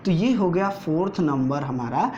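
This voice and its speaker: A man's voice: on the high side, lively intonation, unhurried, darkish tone. Male teacher, board lecture for school students; quizzes the class with rhetorical questions and repeats key terms. Dull, lo-fi recording. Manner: asks rhetorical questions and answers them himself; repeats key terms, often tags "theek hai". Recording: dull lo-fi recording with faint noise.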